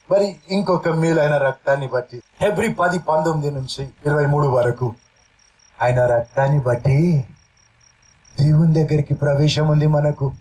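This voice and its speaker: A man's voice: a little high, a little mellow, low-quality recording. A male pastor preaching a sermon and leading his congregation through a repeat-after-me prayer.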